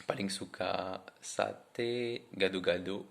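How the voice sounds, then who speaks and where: Male vlogger, French native speaking Indonesian as a foreigner with a French accent: deep voice, flat intonation, hesitant casual delivery. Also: slow pace, gravelly. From France. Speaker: vlogger introducing himself. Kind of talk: casual talk to camera.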